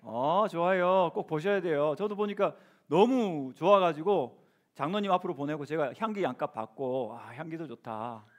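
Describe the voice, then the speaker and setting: A middle-aged man preaching a sermon in a church, acting out short quoted lines in an animated voice. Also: on the high side, moderate pace. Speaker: pastor. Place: church sanctuary.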